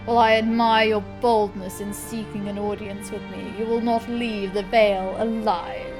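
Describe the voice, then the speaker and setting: A woman's voice: medium pitch, flat delivery, normal speed, over music, close to an everyday voice. A woman voicing a haughty, commanding undead heir with formal, imperious delivery, reading out a game. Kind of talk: character voice in a game read-aloud.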